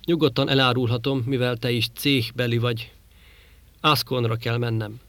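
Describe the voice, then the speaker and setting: A man voicing a gruff, grumbling male space trader in an audiobook reading. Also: mid-range voice, fairly even intonation, fairly bright tone, lightly acted. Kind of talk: audiobook character voice.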